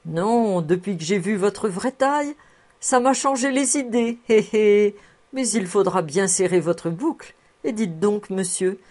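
A woman's voice: mid-range voice, mellow, pitched above the performer's own voice, lightly acted. A woman voicing a fussing, cheerful old housekeeper in her sixties who chuckles as she coaxes. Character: cheerful old female housekeeper, sixty-four, toothless.

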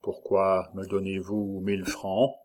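A man voicing an earnest, cautious young male Alsatian worker in an audiobook, speaking quietly and guardedly. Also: on the low side, a little slow, close to an everyday voice. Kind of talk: audiobook character voice.

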